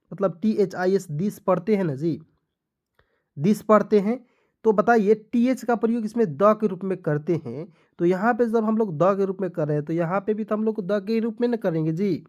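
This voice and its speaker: A man's voice: high-pitched, a little mellow. Patient man teaching beginners. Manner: asks questions and answers them himself, spells words letter by letter; patient, repetitive explaining. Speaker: English teacher. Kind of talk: spoken lesson for beginners.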